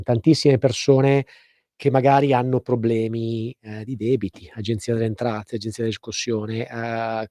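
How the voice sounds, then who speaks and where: A man hosting a live call-in radio show, explaining things informally with hesitant, pause-filled phrasing. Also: medium pitch, a little mellow, no echo, studio quality. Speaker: radio host and legal advice presenter.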